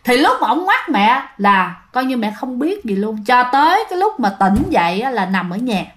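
A woman's voice: fairly high pitch, very animated, normal speed. A woman telling ghost stories in a casual, chatty way, often addressing her listeners directly. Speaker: ghost story narrator. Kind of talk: casual spoken storytelling.

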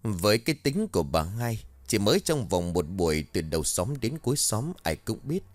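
A man narrating a scripted village ghost story in an expressive storytelling manner. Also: fairly low pitch, moderate pace, no echo.

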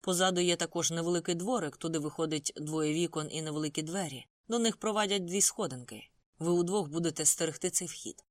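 A reader playing a gang leader who speaks with calm authority. Each order comes out firm and measured. The audiobook recording is close and dry. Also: medium pitch, no echo, close to an everyday voice. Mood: commanding.

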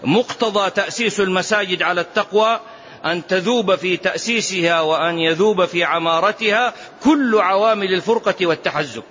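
A middle-aged man preaching a mosque lesson, animated and exhorting, full of rhetorical questions. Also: high voice. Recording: dull lo-fi mosque recording with faint noise.

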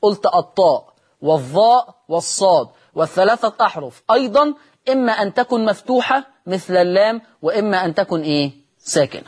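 A man with an Egyptian accent teaching Quran recitation in a televised lesson. He poses questions aloud, answers them himself, and chants the example words slowly and drawn out. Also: sits high, lively intonation, slightly rough. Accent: Egyptian Arabic.

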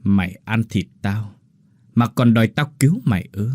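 A man voicing the slow, menacing ghost of a cruel stepfather in a horror story. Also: on the low side, animated, darkish tone, dry recording, studio quality.

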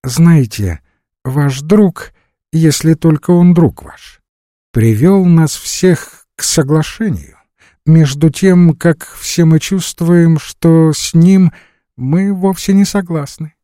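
A man's voice: on the high side, slow pace, warm tone, no echo, clean studio sound, voice pushed up. A man reading an audiobook voices a poised, inquisitive provincial noblewoman with pointed questions. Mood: probing.

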